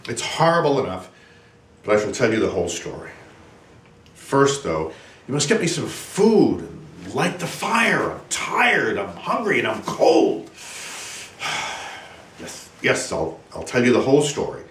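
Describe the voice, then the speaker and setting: A man performing a theatrical monologue as a desperate, exhausted scientist turned invisible, imperious and brooding, with dramatic pauses. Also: medium pitch, huge pitch swings, fairly bright tone, a little hiss or hum. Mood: weary, urgent. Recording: roomy, distant microphone.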